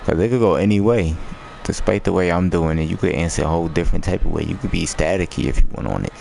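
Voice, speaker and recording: A man's voice: deep voice, fast, gravelly, darkish tone, a little hiss or hum. An American man giving casual, slangy live commentary on a game as he streams it. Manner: slangy, informal.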